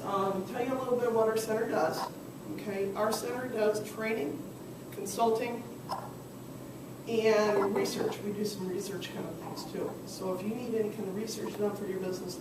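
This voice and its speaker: This is classroom workshop instruction: a woman with an ordinary-pitched voice, hoarse from losing it, teaches small business at a moderate pace, chatting and asking the room questions. She's recorded by a far camera in a very echoey space with clear background noise.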